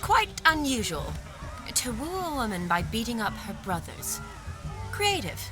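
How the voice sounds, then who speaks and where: Game role, patient, teasing young wedding guest. Slow, lilting, dry delivery with music behind. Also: female voice, a little high, very animated. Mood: wry, amused. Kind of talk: video game voice acting.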